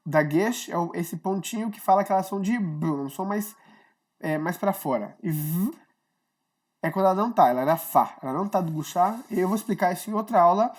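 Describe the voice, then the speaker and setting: A woman's voice: fairly low pitch, animated, a little fast, darkish tone. A woman gives a casual online Hebrew lesson, explaining each letter step by step and often checking in with her students. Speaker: Hebrew teacher.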